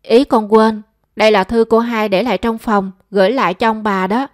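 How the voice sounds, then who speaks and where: A woman's voice: fairly high pitch, steady tone, moderate pace, dry recording, clean studio sound, lightly acted. A woman voicing a timid young housemaid. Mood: flustered.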